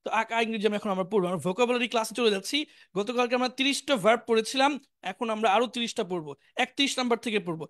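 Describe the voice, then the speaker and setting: A woman with a Bangladeshi accent teaching an online spoken English lesson, drilling each word slowly and repeating every form. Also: on the high side, a bit bright.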